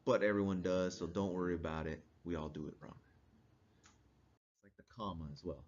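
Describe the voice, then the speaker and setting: A man's voice: deep voice, steady tone, a little fast. A male instructor giving a casual classroom lecture, quizzing students and chuckling now and then. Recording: dull lo-fi recording.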